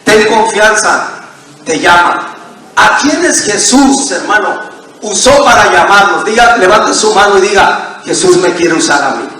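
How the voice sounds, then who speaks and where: A man's voice: high-pitched, expressive, moderate pace, pushed and bright. A man preaching a sermon as pastor, emphatic and calling on the congregation to answer back. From Mexico. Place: church sanctuary. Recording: echoey church hall from far off.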